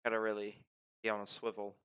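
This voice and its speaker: A man's voice: fairly low pitch, completely flat delivery, quick pace, a bit bright, smooth. A man in casual conversation, giving short agreeing replies and curious follow-up questions. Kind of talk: casual chat.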